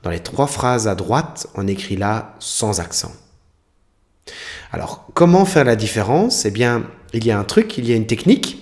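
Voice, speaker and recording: A man's voice: on the low side, big pitch swings, normal speed, a little mellow. A man teaching a French spelling lesson, explaining examples carefully and spelling out letters.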